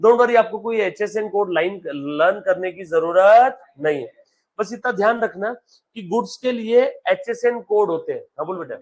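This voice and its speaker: A male accountancy teacher giving a live classroom lecture. He reads English text slowly, explains it in Hindi, and keeps quizzing his students, calling them "beta". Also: high voice, lively intonation.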